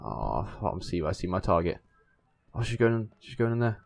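A man hosting a gaming video, giving casual, excitable, mildly sweary commentary as he plays with a friend. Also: sits low, moderate pace, gravelly.

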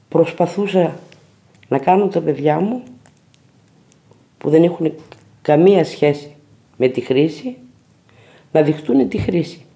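A mother telling her family's story slowly and plainly in a documentary interview. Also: low voice, gravelly, mellow.

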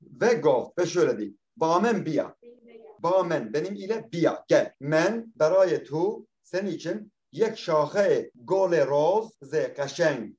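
A male teacher walks a class through a reading, one line at a time. He repeats each word, asks a question and then answers it himself, in a voice sitting a little higher than most men's. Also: animated, a little slow, a little mellow, lo-fi sound. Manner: explains patiently, repeats words, asks questions and answers them. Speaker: language teacher. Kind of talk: classroom lesson, reading and translating a text line by line.

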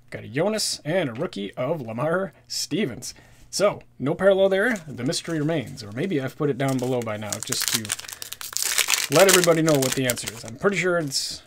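A man's voice: a little high, a little hiss or hum. Chatty man ripping card packs. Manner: chatty, rattles off player names, excited at good pulls. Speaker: card-collecting YouTuber. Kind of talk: casual pack-opening commentary. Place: indoors at a desk with a card display backdrop.

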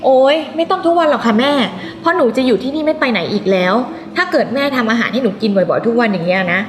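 An actress playing an arrogant, spoiled young heiress back from studying abroad, speaking with haughty scorn. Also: female voice, a little high, sing-song, quick pace. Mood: playful. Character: spoiled rich young woman, arrogant, foreign-educated. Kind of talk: short drama acting. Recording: echoey room with music behind.

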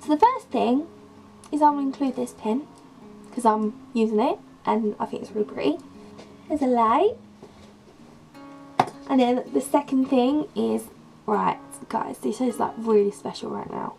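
A young woman, her voice a little croaky from a sore throat, pitched fairly high as she gushes and rambles about her things. She talks straight into a camera mic in her bedroom while soft music plays faintly underneath. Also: measured pace, long pauses, low-quality recording. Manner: gushing, rambling, enthusiastic. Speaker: beauty and lifestyle vlogger. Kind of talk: casual chatty vlog.

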